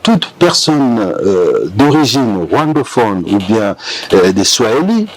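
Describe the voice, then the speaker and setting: A man speaking as a rebel group spokesperson in a press interview, halting with many hesitations. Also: fairly low pitch, very animated, a little hiss or hum, low-quality recording.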